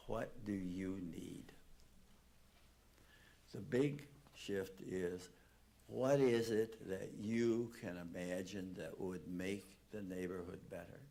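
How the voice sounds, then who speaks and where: Slow, deliberate low-voiced man. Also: vocal fry, darkish tone. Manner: slow, deliberate, rhetorical questions. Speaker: panelist. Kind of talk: conference panel remarks.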